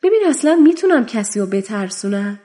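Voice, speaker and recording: A woman's voice: mid-range voice, very animated, dark tone, long reverb tail, lightly acted. A woman voicing a timid, worried scarecrow in a children's story, with an anxious, pleading manner.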